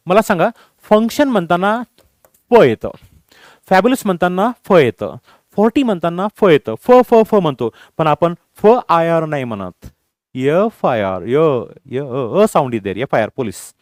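A man's voice: a little high, sing-song, unhurried, no echo, studio quality. A man teaching English grammar, drilling his students with repeated questions and answers and mixing English phrases into his explanations. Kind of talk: classroom grammar lesson.

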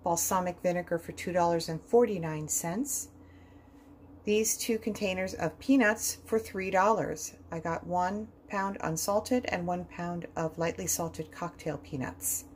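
Lady doing a frugal grocery voice-over, lowish voice, ticking off prices one by one, faint room hiss. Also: a little slow. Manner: calm, list-like item-by-item rundown of prices. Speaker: budget grocery vlogger. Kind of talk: scripted voice-over narration.

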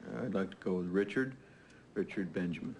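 An actor playing a plain, matter-of-fact law client in a naturalistic TV comedy-drama. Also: male voice, deep voice, a little fast, darkish tone, a little hiss or hum.

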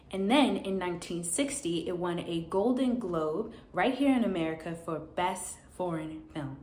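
A young woman host narrating a script in an admiring, deliberate way, facing the camera indoors. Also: on the low side. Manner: warm, admiring, deliberate delivery. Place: indoors in front of a green backdrop. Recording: echoey room with faint noise.

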